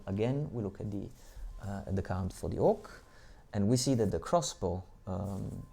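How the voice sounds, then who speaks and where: A man's voice: lowish voice, gravelly, mellow. A man presenting a tabletop game tutorial, patiently explaining the rules step by step with small asides.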